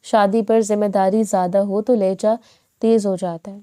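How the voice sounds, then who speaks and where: A woman's voice: mid-range voice, steady tone, dark tone, clear, resonant tone, natural voice. A woman voicing a kindly middle-aged neighbor auntie who speaks in a sympathetic, motherly way.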